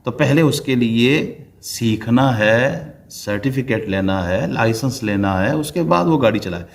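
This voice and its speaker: Male religious teacher, mid pitch, quick explanations with slow chanted examples. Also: lively intonation. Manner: explains briskly, then chants call-to-prayer phrases slowly to demonstrate. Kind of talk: religious lesson on pronunciation.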